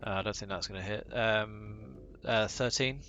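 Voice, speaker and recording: A man playing in a tabletop game, chatting casually and excitably, swearing often. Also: on the low side, normal speed, heavy background noise. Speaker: player.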